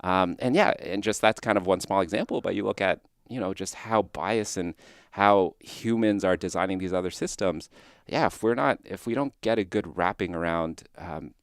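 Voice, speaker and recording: Deep-voiced man, dry studio sound. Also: dry recording. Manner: conversational, peppers sentences with "right?". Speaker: podcast guest, AI expert. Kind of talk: casual interview talk.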